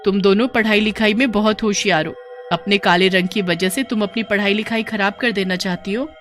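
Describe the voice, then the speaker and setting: A woman voicing a poor, loving working mother who speaks gently and encouragingly to her daughters. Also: medium pitch, fairly even intonation, brisk, faint music behind, lightly acted. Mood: coaxing.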